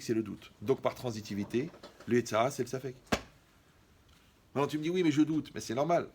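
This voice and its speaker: A man performing a stand-up comedy monologue, his voice gravelly and creaky at mid pitch. He slips into acted-out exchanges and mocking asides as he talks the audience through a story. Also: slight background noise. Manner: acts out dialogues, mocking asides.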